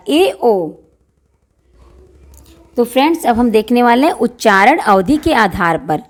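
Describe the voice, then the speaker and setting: A woman teaching a grammar lesson, asking questions and answering them herself, and drawing out vowel sounds to show them. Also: on the high side. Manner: drawn-out demonstration vowels. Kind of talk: classroom-style grammar lesson.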